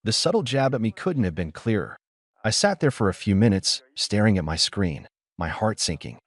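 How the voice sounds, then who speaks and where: A man's voice: lowish voice, very animated, moderate pace, no echo. A man reading a dramatic first-person story aloud as a scripted narration.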